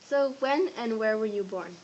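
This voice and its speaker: A woman's voice: fairly high pitch, moderate pace, a little mellow, highs cut off, a little hiss or hum. A woman interviewer reading out short, plain questions.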